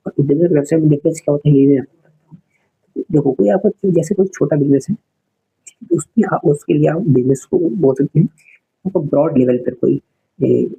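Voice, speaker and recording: A man's voice: a little high, gravelly, warm tone, dull audio, a little hiss or hum. A man teaching an exam-prep spelling lesson, repeating each word, spelling it out letter by letter and explaining its meaning to viewers.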